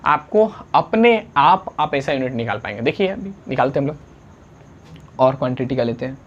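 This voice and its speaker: A man teaching a science lesson, constantly asking the class questions and answering them himself, urging students to write fast and mixing English unit names into his talk. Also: mid-range voice, very animated, dull audio. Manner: urges students to write quickly, calls them friend.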